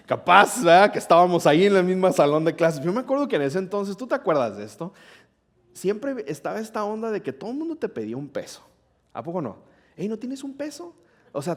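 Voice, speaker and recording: A middle-aged man with a Mexican accent preaching a sermon in a church, telling a personal story in a chatty, animated way and often asking the congregation questions. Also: on the high side. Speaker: pastor. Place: church hall.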